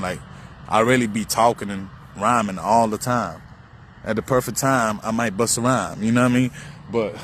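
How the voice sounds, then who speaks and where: A man's voice: mid-range voice, fairly bright tone. A man talking in a rambling, profane outdoor monologue, musing on spirituality and repeating himself as his thoughts drift. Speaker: vlogger. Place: outdoors beside a busy road. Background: faint passing traffic.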